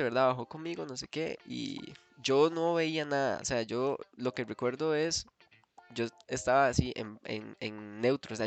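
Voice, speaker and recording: Costa rican guy rambling through a story, lots of fillers and restarts, mid pitch. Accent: Costa Rican Spanish. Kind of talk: casual chat.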